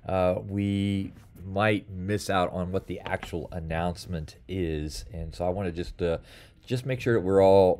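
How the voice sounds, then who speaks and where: A man's voice: low voice, darkish tone. A man in his fifties, a pastor, giving casual church announcements from a small office, rambling with many fillers and restarts. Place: small office with bookshelf and blinds. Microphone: webcam or phone at desk, close framing.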